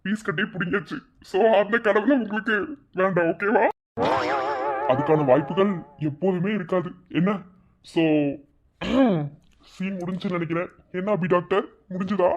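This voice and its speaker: A man's voice: high-pitched, normal speed, dull audio. A man voicing a teasing young man with a mocking, sarcastic way of talking.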